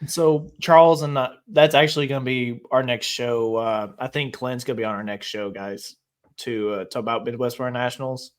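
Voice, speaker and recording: A man's voice: mid-range voice, normal speed. Easygoing male host of a casual podcast; mid-range voice, inviting tone. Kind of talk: casual chat.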